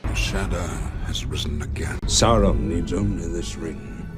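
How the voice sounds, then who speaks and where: An actor playing a grave old wizard who gives a solemn warning, heard in a film clip. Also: male voice, low-pitched, unhurried, over loud music. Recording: film clip with loud score.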